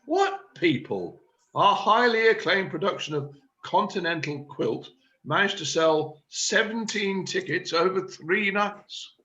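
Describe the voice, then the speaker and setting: A man's voice: high voice, expressive, measured pace, bright, forceful tone, muffled recording, exaggerated voice. A man reading the part of a self-important chairman of an amateur drama group, declaiming his big plan. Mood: scheming. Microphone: video call.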